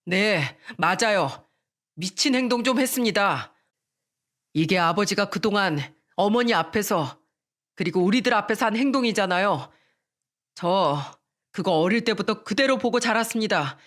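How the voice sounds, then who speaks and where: A woman's voice: mid-range voice, animated, moderate pace, a bit bright, close to an everyday voice. A woman voicing a hot-tempered younger son who bluntly confronts his father in a radio story. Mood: defiant accusation. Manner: accusing, blunt, insistent.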